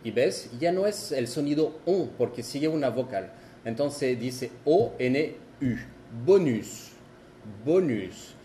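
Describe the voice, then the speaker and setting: A man giving a video lesson, explaining slowly and repeating and exaggerating each example word. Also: medium pitch, mellow, a little hiss or hum. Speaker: French teacher.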